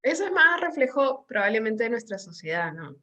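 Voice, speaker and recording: A woman's voice: on the high side, very animated, brisk, bright, forceful tone, dull audio. A woman hosting an interview, with a slightly raised voice. She talks in an engaged, thoughtful way and puts in some fillers as she goes. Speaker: interview host. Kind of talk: conversational interview.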